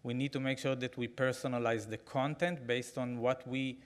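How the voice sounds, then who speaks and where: A man's voice: medium pitch, normal speed. A man in his forties at a podium mic in a large conference hall, giving a conversational keynote with frequent fillers. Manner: conversational, animated, frequent fillers, gestures while talking. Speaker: keynote speaker. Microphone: podium microphone.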